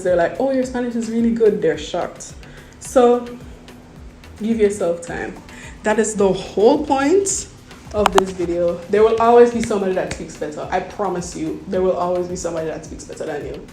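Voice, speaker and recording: Speaking in a mid-range voice with a roomy sound, a Jamaican medical student earnestly reassures first-year students. She repeats her points to stress them.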